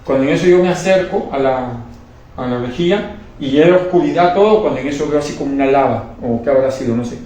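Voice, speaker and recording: A man's voice: mid-range voice, fast talker, warm tone. A man giving an emotional religious testimony. He speaks with fervor, repeats himself and often stumbles into restarts. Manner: fervent, repetitive, stumbling restarts. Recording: echoey room, distant mic, faint noise.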